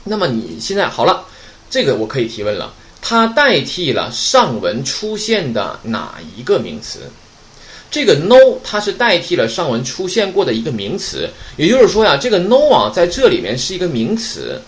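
A man explains grammar to a class, his voice sitting a little high and swinging widely up and down. He keeps posing rhetorical questions and checking in with his listeners as he goes. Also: wildly swooping pitch, normal speed. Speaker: Japanese language teacher.

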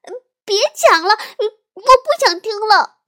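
一位女性在有声故事书里为一只胆小的小熊妹妹配音，说话时声音尖细。. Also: female voice, big pitch swings, unhurried. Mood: frightened. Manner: shrill and frightened when scared. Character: timid little girl bear cub.

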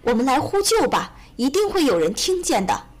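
A woman doing a calm, lower-voiced boy frog. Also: moderate pace. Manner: calm, reassuring.

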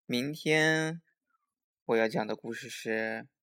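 Slow-reading male children's storyteller. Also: medium pitch, fairly bright tone.

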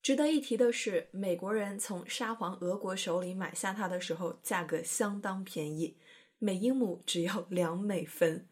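On her English-learning podcast, a woman speaks at medium pitch and normal speed with a darkish tone. She narrates in a playful, chatty manner, carefully modeling pronunciation as she explains.

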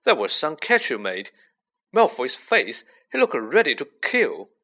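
Storybook schoolboy, voiced by a narrator: young, blunt, animated, a bit grumbly. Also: mid-range voice, a little slow, pitched above the performer's own voice, exaggerated voice. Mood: excited.

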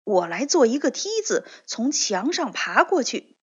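A woman doing a bold loud tin man. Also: fairly high pitch, big pitch swings, a little slow, husky, exaggerated voice. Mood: determined. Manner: loud, calling out boldly. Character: brave male tin man with an axe. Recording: dull lo-fi recording.

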